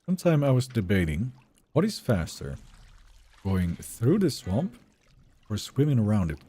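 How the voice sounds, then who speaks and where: A young man with a low, mellow voice, relaxed and chatty as he streams a game live. His pitch rises and falls a lot while he answers his chat. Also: a little slow, slightly rough. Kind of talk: live gameplay commentary.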